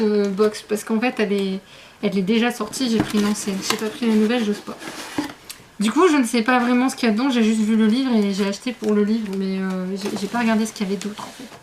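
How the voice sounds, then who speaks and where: Chatty woman with a high voice. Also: background noise. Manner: chatty and rambling, gushes over items. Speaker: book vlogger. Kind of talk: casual unboxing chat.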